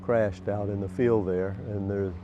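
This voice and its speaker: An older man giving halting, measured, formally worded eyewitness answers in an interview. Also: fairly low pitch, steady tone. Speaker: flight instructor and eyewitness. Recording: dull lo-fi field audio, outdoor noise.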